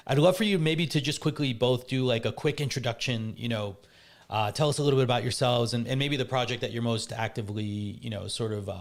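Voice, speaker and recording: A male moderator welcoming guests to an online panel in an enthusiastic, friendly way. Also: mid-range voice.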